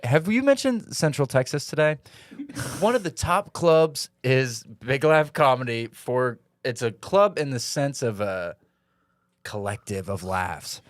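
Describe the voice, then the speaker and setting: A man's voice: medium pitch, animated, measured pace, dry recording. Guy co-hosting a comedy pod, goofy riffs, mid voice, dry close mic. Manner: goofy, riffing, laughs often. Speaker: podcast co-host. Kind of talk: casual comedy chat.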